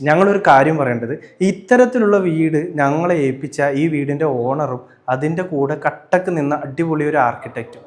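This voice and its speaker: Fairly high-voiced Malayali man demonstrating furniture. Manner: explanatory sales pitch. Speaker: home furnishing company presenter. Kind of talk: product demo and home tour.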